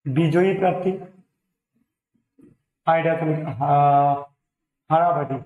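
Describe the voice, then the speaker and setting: A man with a Bengali accent walks through percentage sums aloud as a maths teacher. He counts each step and mixes in English number words. His voice sits a little high for a man, and the room around him rings with echo. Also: fairly even intonation, slow, phone-quality sound. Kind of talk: exam-prep maths lesson, working problems aloud.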